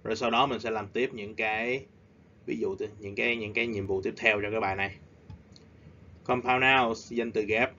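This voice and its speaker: Guy teacher going over vocab, slows down to stress words, bit muffled lo-fi sound. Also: lowish voice, fairly even intonation, bright, forceful tone, a little hiss or hum. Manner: switches between explaining and slow, emphatic drilling. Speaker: English teacher. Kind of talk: classroom lesson explanation. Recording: slightly dull lo-fi audio.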